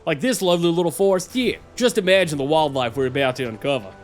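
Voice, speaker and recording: Nature documentary parody, man playing an Australian wildlife host, fairly high voice, chummy, enthusiastic, music behind. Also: fast, close to an everyday voice. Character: cheerful, adventurous Australian male wildlife presenter.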